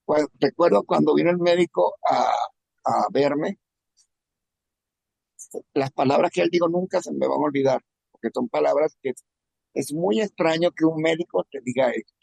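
A man from Venezuela telling a personal testimony in a halting, emotional way, often repeating words. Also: on the high side, gravelly, darkish tone, breathy edge, dry recording. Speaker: testimony speaker.

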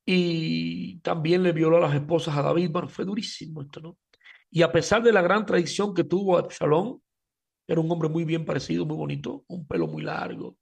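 A man's voice: fairly high pitch, moderate pace, vocal fry, slightly rough. A man giving a Talmud class lecture as a religious teacher, emphatic, speaking straight to his listeners and often stumbling over repeated words.

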